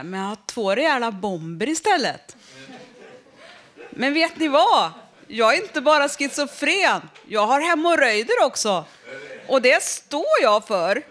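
Stand-up lady, deadpan, talks right at the crowd, kinda high voice. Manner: deadpan, conversational, addresses the audience. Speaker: stand-up comedian. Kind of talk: stand-up comedy.

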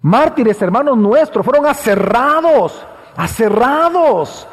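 High-voiced preacher in a reverberant hall. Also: male voice, moderate pace. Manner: preaching with sharp swings between loud high passages and low hushed ones; repeats phrases for emphasis. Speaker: pastor. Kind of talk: sermon. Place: church.

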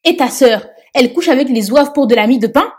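A woman's voice: high voice, expressive, a little fast, slightly rough, voice pushed up. A woman doing an indignant police commissioner. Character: stunned angry colonial police commissioner, man.

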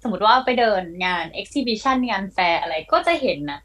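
A woman's voice: a little high, animated, normal speed, a bit bright, husky. A young woman, an event MC and actress, answering interview questions politely and plainly. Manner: polite and friendly, explains plainly. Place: radio studio.

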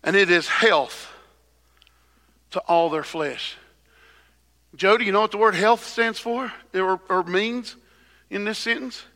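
High-voiced preacher at a pulpit microphone. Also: male voice, slow pace, long pauses, pushed and bright. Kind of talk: sermon. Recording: long hall reverb.

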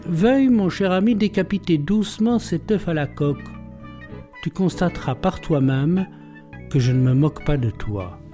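A man's voice: on the high side, expressive, moderate pace, dark tone, faint music behind, voice pushed up, lightly acted. Man doing Arsène Lupin, suave teasing thief. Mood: mocking. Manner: playful, teasing, self-assured.

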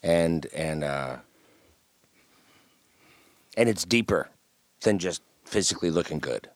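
A man's voice: low-pitched, slow, dry recording. A man talking as a guest musician in a casual interview, rambling and restarting as he tells stories. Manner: relaxed, rambling storyteller with many restarts.

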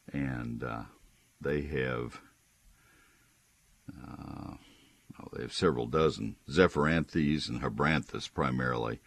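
A man hosting a call-in radio show, talking in a folksy, unhurried, conversational way with a husky voice. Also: very deep voice. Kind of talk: conversational live radio talk with sponsor reads.

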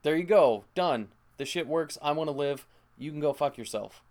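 A man's voice: on the high side, moderate pace, darkish tone. A young man in casual movie chat, sarcastic and crude, swearing freely as he riffs.

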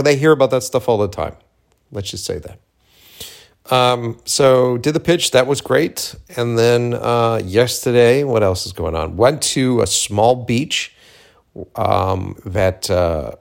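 A man's voice: lowish voice, gravelly. A man from Cape Cod speaking in a casual, rambling monologue, candid and sweary with slangy asides. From Cape Cod, Massachusetts, USA. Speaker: filmmaker hosting a personal audio journal.

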